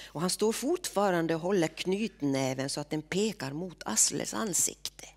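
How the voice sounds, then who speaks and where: A woman reading literary prose aloud in a measured, expressive way. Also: fairly low pitch. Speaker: reader.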